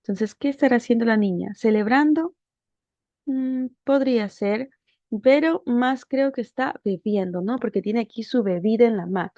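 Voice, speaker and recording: A woman's voice: a little high, moderate pace, a little mellow, no room sound, muffled recording. A woman teaching English grammar, patiently walking through a worksheet and often checking with rhetorical questions.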